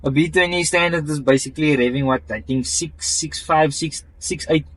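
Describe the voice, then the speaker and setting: Halting man explaining his car. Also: on the high side, fairly bright tone, low-quality recording. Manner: halting, full of restarts and fillers, technical. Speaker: car owner showing his build. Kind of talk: casual interview.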